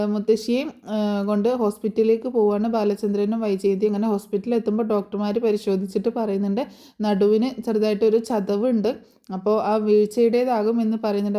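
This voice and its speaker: A woman's voice: medium pitch, steady tone, fast talker, mellow. A woman casually retelling a TV serial episode, chatty, with many fillers and tag words.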